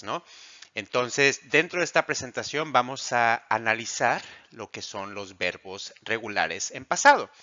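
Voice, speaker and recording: A man teaching an English grammar lesson, explaining slowly and asking the class questions that he then answers himself. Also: medium pitch, sharp tone. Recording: dull lo-fi audio.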